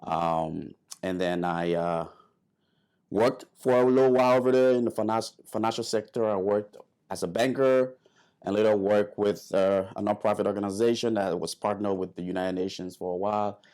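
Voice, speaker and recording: A man's voice: lowish voice, moderate pace, a little mellow. A man, a guest telling his story in an interview, hesitant with many fillers and restarts. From Liberia. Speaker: guest, airman.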